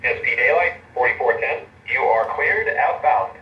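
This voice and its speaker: A man playing a train dispatcher who clears a train over a radio in clipped radio procedure. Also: medium pitch, moderate pace, highs cut off. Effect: talking over a radio.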